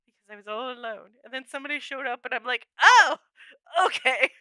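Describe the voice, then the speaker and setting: A woman's voice: fairly high pitch, fast, pushed and bright, no echo, clean studio sound. A young adult woman chatting casually with viewers on her livestream, playful and laughing often.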